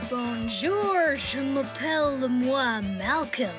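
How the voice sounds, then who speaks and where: A polite English schoolboy mangling French. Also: female voice, high voice, animated, music in the background, exaggerated voice. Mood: politely halting. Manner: halting broken French with English words. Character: English boy exchange student, broken French.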